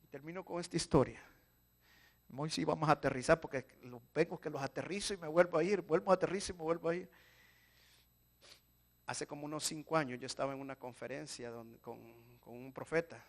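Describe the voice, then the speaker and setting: A male pastor, preaching a sermon and swinging from hushed pleading to loud exhortation. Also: a little high, fairly quick, creaky. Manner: preaching with sudden shouts and soft pleading drops.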